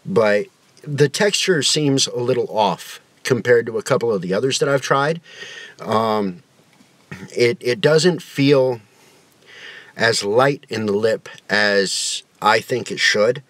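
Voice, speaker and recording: Casual male reviewer, lip full of dip, medium pitch, folksy, close dry recording. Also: takes it slowly, a bit bright, no room sound. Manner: folksy, rambling. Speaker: product reviewer. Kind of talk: casual review chat to camera.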